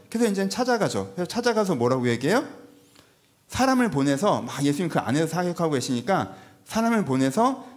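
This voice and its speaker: A man preaching a Sunday sermon in a church, conversational and animated, slipping into playful voiced asides. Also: on the high side. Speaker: pastor. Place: church sanctuary.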